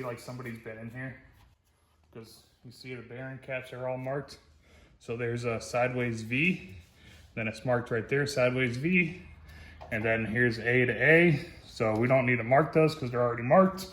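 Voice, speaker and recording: A man's voice: medium pitch, roomy sound, noisy background. A man talking casually as he takes apart a truck axle in a garage workshop, explaining each step as he goes. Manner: relaxed, explains steps as he works. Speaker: co-host working on a truck axle. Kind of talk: casual shop talk.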